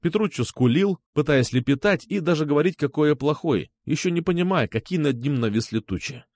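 A man narrating a first-person crime audiobook with a dramatic, expressive reading. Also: fairly high pitch, fairly quick.

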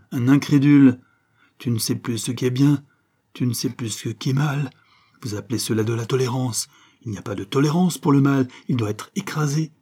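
A man's voice: mid-range voice, mellow, husky, lightly acted. A man reading aloud, voicing a proud, domineering old paralysed woman in indignant outbursts.

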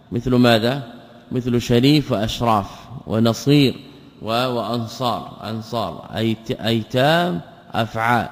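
Male scholar giving a lecture on a text, mid-pitched voice, asks and answers his own questions, echo from a long hall. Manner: poses rhetorical questions and answers them himself; repeats words and patterns slowly for emphasis. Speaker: Islamic scholar teaching a text. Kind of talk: lecture explaining a classical text.

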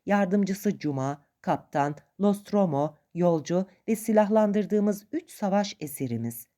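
A woman's voice: lowish voice, warm tone. A woman reading a first-person adventure story aloud as narrator, with dramatic expression.

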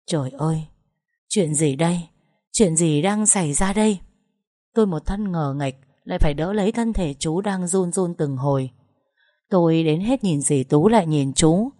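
A woman's voice: lowish voice, normal speed, dark tone, no echo, clean studio sound. A woman narrating a first-person dramatic story with emotional, tense storytelling.

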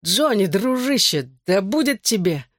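Reader as exasperated, placating bar owner, pitched up, dry sound, audiobook. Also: sing-song, a little slow, fairly bright tone, no room sound. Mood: coaxing. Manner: calling out, coaxing.

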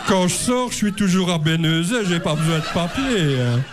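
A man's voice: high voice, expressive, normal speed, music in the background. A middle-aged man telling a rambling, self-mocking comic story on stage. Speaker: comedian. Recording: live show with audience laughter.

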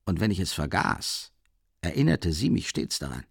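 A man's voice: sits low, sing-song, moderate pace, gravelly, slightly rough, dry recording, clean studio sound, voice pushed down, heavily acted. A man reading an audiobook, voicing a worldly middle-aged man who talks in a raised, wondering, rambling way.

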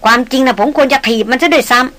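A woman voicing a calm, stern hunter guide. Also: high voice, fast talker.

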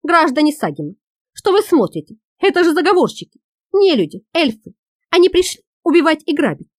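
A woman voicing a shrill, panicky fat male official who shouts and squeals in an audiobook. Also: sing-song, normal speed, no room sound, studio quality, full character voice. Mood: shrill alarm.

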